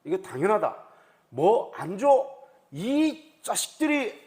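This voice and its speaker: A man voicing a menacing street thug who demands protection money and shouts threats. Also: sits high, sing-song, takes it slowly, voice pushed up, heavily acted.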